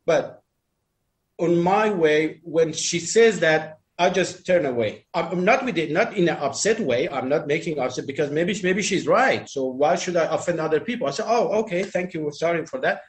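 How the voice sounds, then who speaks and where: A man's voice: on the high side, expressive, normal speed. A man chatting casually on a group call about dating, rambling with restarts and uneven phrasing. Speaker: dating talk panelist. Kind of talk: casual group chat, opinionated.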